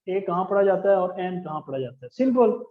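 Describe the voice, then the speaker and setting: A man's voice: high-pitched, expressive, a little fast. A man teaching English grammar in a classroom lecture, explaining step by step and asking the class questions. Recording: dull lo-fi classroom recording.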